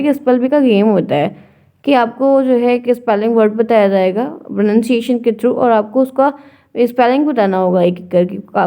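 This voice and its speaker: Tired-voiced woman teaching slowly. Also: on the high side, highs cut off. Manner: slow, patient explaining with frequent check-ins. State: tired, strained throat. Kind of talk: exam-prep lesson.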